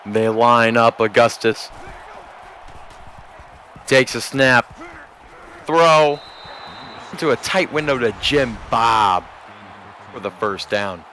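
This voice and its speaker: A man giving play-by-play commentary on a video game football stream, measured and steady, rising to shouts on big plays. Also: medium pitch, a little hiss or hum. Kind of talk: sports commentary.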